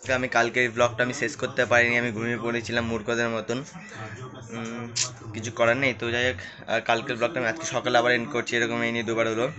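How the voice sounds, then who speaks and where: A man rattles through his day in a quick, chatty stream, mocking himself along the way. His voice sits in a middle register. It is captured on a phone with dull, lo-fi sound. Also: medium pitch, monotone, a crowd in the background. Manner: rambling, chatty, self-deprecating. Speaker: vlogger. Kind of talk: casual daily vlog chat.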